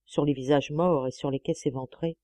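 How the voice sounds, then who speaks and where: A woman narrating a classic novel as an audiobook, with a measured, expressive reading on a close mic. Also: low voice, dry recording. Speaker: audiobook reader.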